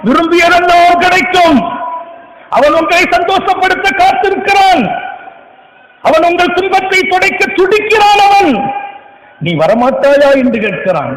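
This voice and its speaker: A man preaching a sermon, swinging between impassioned shouts and hushed asides. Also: very high voice, roomy sound, noisy background.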